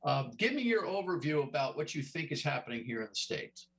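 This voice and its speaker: A man's voice: fairly high pitch, sing-song, fairly quick, creaky, a bit bright. A middle-aged man hosting a TV talk show, asking long rambling questions with many stammers and restarts. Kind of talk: TV interview.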